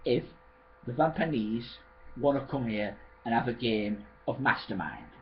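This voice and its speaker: A man's voice: mid-range voice, measured pace, lo-fi sound, slight background noise, lightly acted. A man voicing a filthy, barefoot male vampire who cracks jokes, in a homemade storybook reading.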